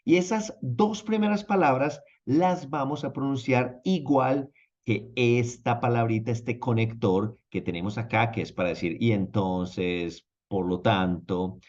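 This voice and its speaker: A man's voice: mid-range voice, lo-fi sound. A man teaching an online language lesson, explaining patiently and checking in with his viewers. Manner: lively, drawn-out teaching delivery with repeated check-ins. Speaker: English teacher.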